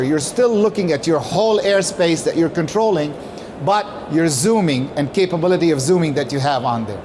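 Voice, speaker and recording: A man with a high-leaning voice delivers a prepared conference-style presentation as a company speaker. He explains emphatically and poses questions he answers himself. Background noise can be heard.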